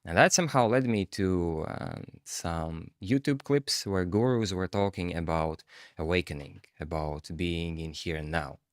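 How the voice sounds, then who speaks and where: A low-voiced man talks through a podcast in a reflective, searching way. He often stops on fillers and restarts his thoughts. The recording is close and dry. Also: a little slow, no echo. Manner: reflective, hesitant, with many fillers. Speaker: podcast co-host. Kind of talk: casual podcast chat.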